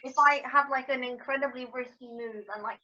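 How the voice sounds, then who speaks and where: A woman's voice: high voice, fairly even intonation, fairly quick, highs cut off, crowd noise. A woman playing a tabletop game, eagerly explaining her moves. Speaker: player. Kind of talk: casual chat at a game table.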